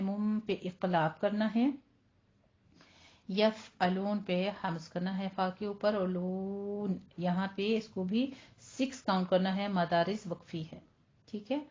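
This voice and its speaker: A woman teaching a Quran recitation lesson. She patiently explains each pronunciation rule and then slowly recites the Arabic words herself. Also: mid-range voice, a little mellow, highs cut off. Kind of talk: online tajweed lesson.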